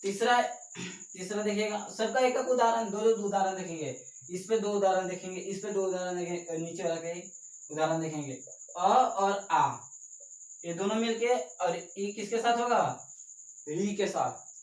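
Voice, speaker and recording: A male teacher giving a classroom lesson, talking slowly and repeating himself, often asking questions that prompt his students to answer and take notes. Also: high voice. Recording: echoey room.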